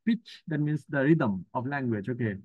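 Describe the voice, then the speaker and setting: A man with a Bangladeshi accent teaches a live online class, reading English text aloud and breaking it down in Bengali with frequent fillers. His voice sits at an ordinary middle pitch. The audio is thin and phone-like, with a dry, close sound. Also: animated, drawn-out words, no echo. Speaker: university lecturer. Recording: tinny phone-like line, dry.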